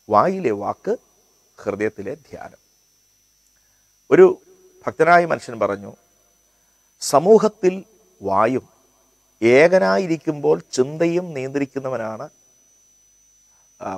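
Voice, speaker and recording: A middle-aged man, a pastor teaching a Bible study in a measured, rhythmic way, on a lapel mic in a studio. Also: mid-range voice, dry recording. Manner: measured, rhythmic delivery, mixing in English phrases. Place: indoor studio set.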